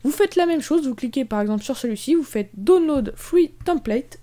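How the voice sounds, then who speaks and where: High, mellow-voiced young woman tutor. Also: expressive, quick pace. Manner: casual, step-by-step, frequent fillers. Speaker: video tutorial host. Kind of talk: screen-recorded software tutorial.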